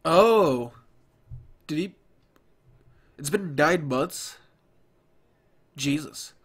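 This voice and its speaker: A man's voice: on the high side, expressive, drawn-out words, a bit bright, slightly rough. Congested, tearful young man reacting. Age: young adult. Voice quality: nasal, congested. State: tearful, stuffed up from crying. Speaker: anime reaction video host. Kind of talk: casual reaction commentary. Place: small furnished room at home. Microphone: close desk microphone, headphones on.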